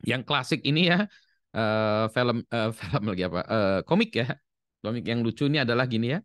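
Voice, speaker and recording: A man giving a relaxed, conversational university lecture, tagging his sentences with little asides. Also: mid-range voice, moderate pace, dry recording, studio quality. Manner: loose and conversational, tags sentences with 'ya'. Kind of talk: casual classroom lecture.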